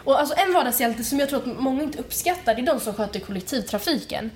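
A woman's voice: high voice, expressive. A young woman talks on a podcast in a slightly raised voice. She is chatty and frank, and her talk is full of fillers and casual swearing. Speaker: podcast co-host. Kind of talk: casual chat.

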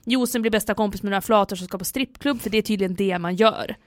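A woman's voice: medium pitch, no echo, studio quality. A young woman co-hosting a casual podcast, telling stories with lots of swearing and acted-out quotes. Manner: animated storyteller, acts out quotes, swears freely. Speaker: podcast co-host.

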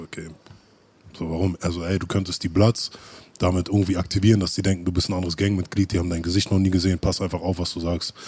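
Low husky fast-talking man. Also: a little mellow. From Germany. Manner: street slang, acts out quotes of others. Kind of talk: casual storytelling chat.

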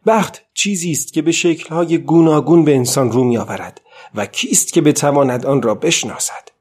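A man's voice: fairly high pitch, darkish tone, breathy edge. A man voicing an exhausted, stubborn old fisherman alone at sea in an audiobook, talking to himself between weary murmurs and defiant outbursts. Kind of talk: audiobook reading.

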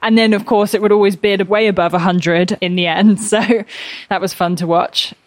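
A woman's voice: mid-range voice, fairly even intonation, moderate pace, dry recording. A young woman chatting casually and enthusiastically for a vlog, sheltering in a barn with rain on the tin roof. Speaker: farm partner and vlogger.

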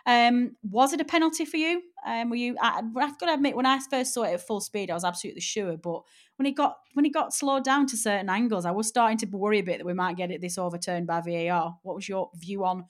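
A woman hosting a casual football podcast, lively and teasing as she steers the talk. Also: medium pitch, fast. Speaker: podcast host.

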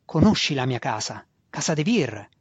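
A man's voice: on the high side, lively intonation, moderate pace, slightly rough, no room sound. A man playing a desperate young drow student. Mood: indignant. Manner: pleading, indignant, raised voice. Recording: dull dry lo-fi recording.

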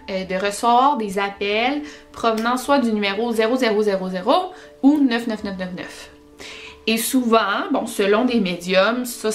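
A woman with a Québécois accent, hosting a podcast and telling paranormal stories in an animated, chatty way. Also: a little high. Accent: Québécois French. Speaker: podcast host.

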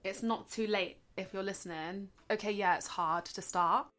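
A woman's voice: mid-range voice, fairly even intonation, moderate pace, fairly bright tone. A sleepy young woman, co-hosting a podcast in casual, rambling chat full of fillers. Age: young adult. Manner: chatty, rambling with many fillers. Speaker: podcast co-host.

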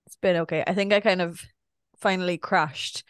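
A woman's voice: fairly low pitch, fairly even intonation, normal speed, smooth, no echo, studio quality. A young woman co-hosting a podcast, tired and yawning, chatting in a giggly, teasing way. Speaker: podcast co-host. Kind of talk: casual chat.

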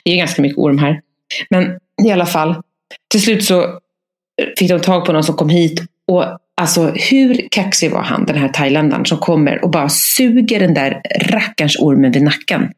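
Animated Swedish-speaking woman telling stories. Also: deep voice. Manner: lively storyteller, acts out voices in anecdotes. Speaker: podcast co-host. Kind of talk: casual podcast chat.

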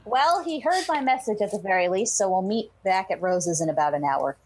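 A woman's voice: mid-range voice, animated, a little fast, slightly rough. A woman playing a tabletop role-playing game and chatting casually as she takes her turns.

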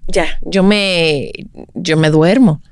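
A woman's voice: lowish voice, extremely slow, no echo. A middle-aged woman hosting a casual podcast chat, agreeable and affirming, often backing up her guest. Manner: agreeable, affirming, frequent backchannels. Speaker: podcast host, mother.

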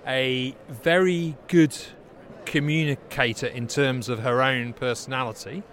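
A man's voice: medium pitch, steady tone, measured pace, fairly bright tone, a little hiss or hum. A male journalist commenting on a candidate in English, confident and fluent. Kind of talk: interview answers.

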